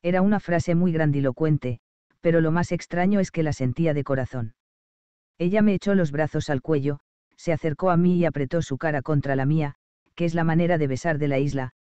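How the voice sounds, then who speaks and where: A man narrating an audiobook in a measured, expressive storytelling manner. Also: a little high, smooth, dry recording, muffled recording.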